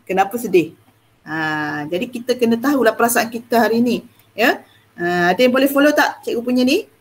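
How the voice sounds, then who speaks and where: A woman's voice: fairly high pitch, lively intonation, fairly quick. A woman teacher with a Malaysian accent, coaxing her students through an online lesson in a chatty way with many "ah" fillers.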